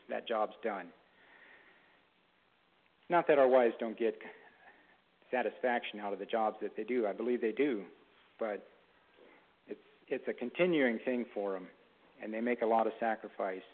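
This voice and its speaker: A man preaching a Mother's Day sermon in a halting way, with restarts and throat clearing, reading a story to his congregation. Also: medium pitch. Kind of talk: sermon with a read-aloud story. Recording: tinny phone-like sound.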